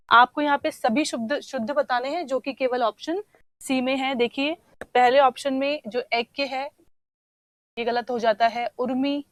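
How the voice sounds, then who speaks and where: A woman's voice: sits high, no echo. A woman teaching a Hindi language lesson for exam preparation, patiently explaining each answer and repeating key words. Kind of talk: online exam-prep lesson.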